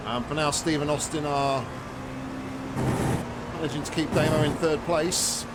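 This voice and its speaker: A man giving calm, casual commentary as he plays a racing game, muttering observations as he drives. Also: on the high side, measured pace. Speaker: sim racing streamer. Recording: loud engine noise over voice. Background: loud race car engine noise from game.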